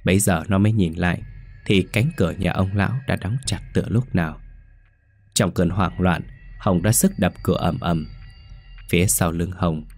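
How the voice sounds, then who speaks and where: Deep-voiced man narrating a ghost story. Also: moderate pace, darkish tone.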